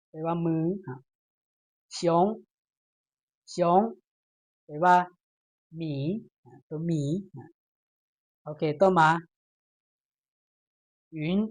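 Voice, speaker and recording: A woman with a Lao accent teaching a beginner Chinese lesson, saying each word twice and explaining its meaning. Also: fairly low pitch. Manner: slow, repeats each word, reads Chinese aloud brighter and louder. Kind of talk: language lesson.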